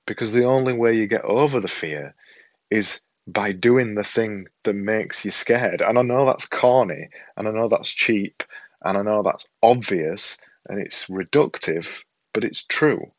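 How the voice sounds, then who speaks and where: Speaking a little slowly in a low voice, a Yorkshire-accented vlogger and podcaster addresses the camera from home, casual and earnest, poking fun at himself and repeating points for emphasis. The sound is dry and lo-fi, captured on a desktop setup with a camera and a monitor.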